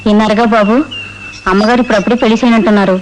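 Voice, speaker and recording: An actress playing a meek, deferential household maid in a film comedy. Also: female voice, medium pitch, fairly even intonation, racing, slight background noise, close to an everyday voice, low-quality recording.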